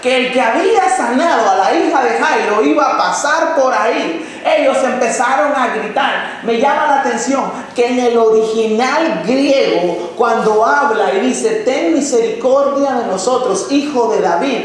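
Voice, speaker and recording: A male pastor preaching a sermon with passion, asking his congregation rhetorical questions. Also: sits high. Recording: very echoey hall with faint noise.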